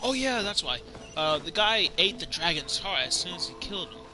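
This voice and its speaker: A young male gaming streamer gives casual let's-play commentary over game music, in a slangy, rambling, offhand way. His voice sits high and swings widely in pitch, and he talks briskly.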